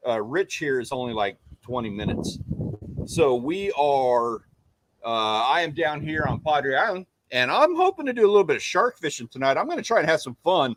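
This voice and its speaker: A man's voice: on the high side, big pitch swings, normal speed, a bit bright, no room sound. A man co-hosting a casual fishing livestream, rambling and self-deprecating as he greets viewers by name. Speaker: livestream co-host. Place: home on Padre Island.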